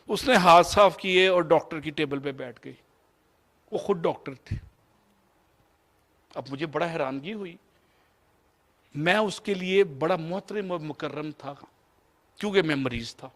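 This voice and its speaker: A man in his fifties from Pakistan with a Pakistani Urdu accent, telling a personal story in a motivational lecture and slipping English phrases into his Urdu. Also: on the high side. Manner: mixes English phrases into Urdu, shifts between loud and soft. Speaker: motivational speaker.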